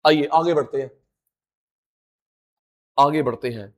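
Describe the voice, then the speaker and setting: A middle-aged man teaching a classroom lecture, animated, chanting terms with drawn-out stress. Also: a little high. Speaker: economics teacher.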